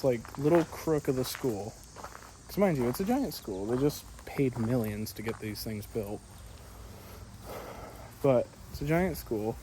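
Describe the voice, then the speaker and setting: The audio is poor on this clip of a mid-range male vlogger chatting outdoors in a yard. He talks in a casual, rambling, slang-heavy way and keeps calling the listener "dude." Insects and ambient noise are clearly audible outside.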